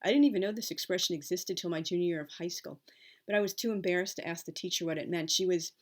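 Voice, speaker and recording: Woman, Pittsburgh accent, moderately low voice, informal explainer, halting, rambling, opinionated. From Pittsburgh, Pennsylvania, United States. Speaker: writer giving writing advice.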